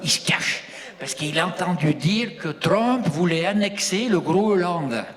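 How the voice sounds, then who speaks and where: High-voiced rustic comedian teasing a crowd. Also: male voice, expressive, a little slow, noisy background. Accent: regional rural French. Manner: teasing the audience, rustic banter. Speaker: stand-up comedian. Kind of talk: live stand-up comedy. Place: live show hall. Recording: long reverb of a live hall.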